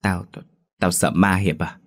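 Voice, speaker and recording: A man's voice: on the low side, lively intonation, quick pace, darkish tone, slightly rough. A man voicing a timid, easily frightened young village man who stammers. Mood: scared.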